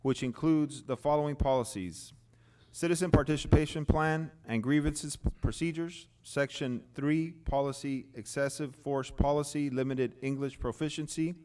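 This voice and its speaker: A man chairing a city meeting as mayor, reading agenda items in a measured, formal, procedural manner. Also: a little high, a little mellow, clean tone. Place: city hall commission meeting.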